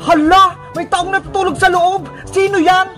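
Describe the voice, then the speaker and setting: Woman doing a loud, blunt cartoon boy. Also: extremely high pitch, fairly even intonation, normal speed. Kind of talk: cartoon voice acting. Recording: music in the background.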